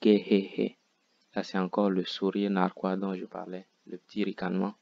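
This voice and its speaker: Man, deep gravelly voice, flat slow delivery, repeats words, dull dry recording. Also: dry recording. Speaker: Japanese teacher. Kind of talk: explaining game dialogue line by line.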